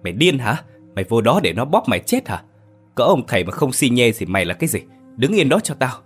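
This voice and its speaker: A man's voice: big pitch swings, a little fast, breathy edge, faint music behind. A man voicing a scolding old village woman in a storybook tale. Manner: scolding, shrill.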